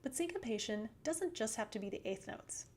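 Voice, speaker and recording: A woman teaching piano theory in a scripted lesson, explaining clearly and counting beats aloud. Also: fairly high pitch, lively intonation, brisk.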